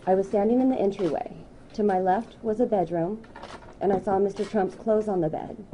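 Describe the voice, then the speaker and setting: Woman in her thirties, deliberate reader of a formal statement, very dark voice, faint hiss in the room. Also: medium pitch, steady tone, poor audio. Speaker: speaker at a news conference. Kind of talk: reading a prepared statement. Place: news conference room.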